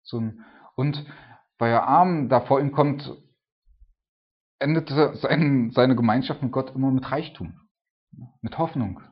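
A man of middle pitch preaches casually, as if talking with friends. He keeps dropping little fillers and questions into his sentences. The recording sounds somewhat dull and lo-fi. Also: a little slow, long pauses. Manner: conversational preaching, peppered with "so" and "ne?". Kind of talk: sermon on a psalm.

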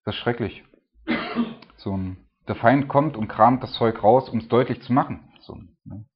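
A man retelling a Bible story in a casual, conversational way. He often ends his points with a questioning "ne?" and often lets his voice drop quiet. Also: medium pitch, a little slow, husky, lo-fi sound.

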